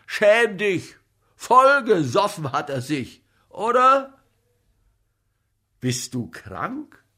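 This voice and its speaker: A man voicing an agitated, boozy male comic actor who fusses loudly over a sick friend. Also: exaggerated voice. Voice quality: loud, excitable, high-pitched.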